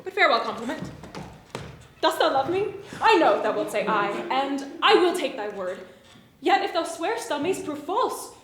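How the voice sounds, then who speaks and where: A woman's voice: high-pitched, very animated, moderate pace, fairly bright tone, roomy sound. A woman playing a lovestruck, playful, eager young maiden in theatrical Shakespearean verse. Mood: bashful, playful. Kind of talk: theatrical Shakespearean stage acting.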